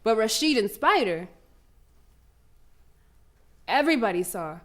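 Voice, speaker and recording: Voicing the proud schoolgirl runner in an audio play, the woman sounds a little high and sing-song, taking her time. The first-person monologue is grieving and subdued, delivered colloquially and emphatically with dramatic repetition.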